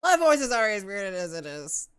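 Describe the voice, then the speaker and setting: Very animated and quick, this woman's medium-pitched voice is a bit bright and clean. She's a young adult streamer whose Southern American accent blends with internet influences, giggling and poking fun at herself during casual stream chat from home.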